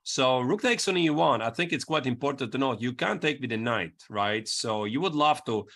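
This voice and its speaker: A man's voice: mid-range voice, animated, moderate pace, a bit bright. A man co-commentating on chess, thinking aloud in conversational analysis as he explains moves step by step.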